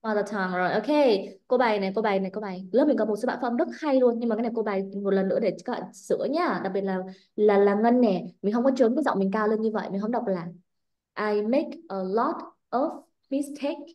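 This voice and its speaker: A woman with a Vietnamese accent runs a live online English speaking class. She reads model answers slowly and then explains in quick, animated bursts. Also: mid-range voice. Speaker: English teacher.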